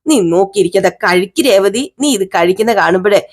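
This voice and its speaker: A woman's voice: medium pitch, lively intonation, fairly quick, lightly acted. A woman voicing a caring young husband who coaxes his wife fondly and scolds her in mock sternness.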